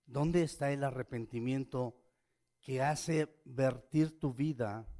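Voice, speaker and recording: A man's voice: medium pitch, takes it slowly, warm tone. A man preaching a sermon, reading scripture aloud and asking his listeners pointed questions. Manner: asks the listeners questions, reads scripture with rising force.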